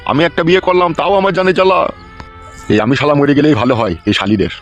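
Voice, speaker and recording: A man doing a fed-up village father in a cartoon. His voice sits a little high, and he rants and curses at a breakneck pace, endlessly complaining. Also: lively intonation, racing, faint music behind, lightly acted. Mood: ranting. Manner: ranting, coarse, complaining. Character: exasperated cursing middle-aged father. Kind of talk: cartoon voice acting.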